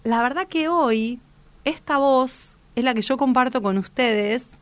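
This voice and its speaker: A woman's voice: sits high, measured pace, no room sound. A woman radio host, giving a reflective motivational talk in a strong, powerful voice, direct and vehement with many restarts.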